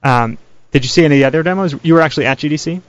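A man hosting a call-in radio show in a smooth radio host manner, chatty and keeping the talk moving between callers. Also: on the high side, very fast. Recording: dry, dull lo-fi radio broadcast.

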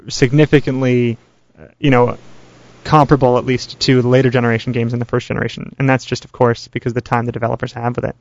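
A man hosting a call-in radio show in a smooth radio host manner, chatty and keeping the talk moving between callers. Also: mid-range voice. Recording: dry, dull lo-fi radio broadcast.

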